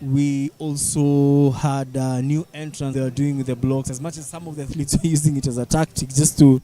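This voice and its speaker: A man with a Kenyan accent hosting live sports commentary in a halting way, with many fillers. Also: medium pitch, little pitch movement, dark tone. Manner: halting, filler-heavy delivery. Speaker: sports event commentator and host.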